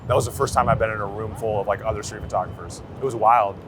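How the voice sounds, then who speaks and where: This street photographer, interviewed outside amid traffic and city noise, speaks informally with sweary slang. He has a lowish voice, fairly even intonation and a quick pace.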